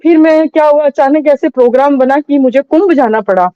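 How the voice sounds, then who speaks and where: A middle-aged woman recounting a painful loss as an interview guest, in a halting, sorrowful way with many restarts. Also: sits high, no echo, highs cut off. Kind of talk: emotional personal testimony.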